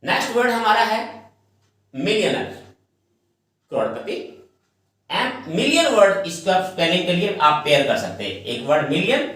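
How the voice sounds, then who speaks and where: Echoey teacher spelling words. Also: male voice, high voice, big pitch swings, a bit bright. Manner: spells words letter by letter, slow and deliberate; repeats each word several times. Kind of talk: exam-prep spelling lesson. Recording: very echoey room.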